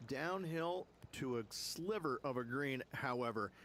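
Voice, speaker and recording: A man giving measured, explanatory colour commentary in a golf video game. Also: mid-range voice, lively intonation, a bit bright, slight background noise. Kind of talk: sports commentary.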